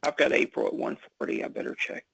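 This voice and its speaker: A man taking part in an online meeting, giving brief, casual replies and asking quick questions. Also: fairly bright tone, a little hiss or hum, rough recording. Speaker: meeting participant. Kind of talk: casual call chat.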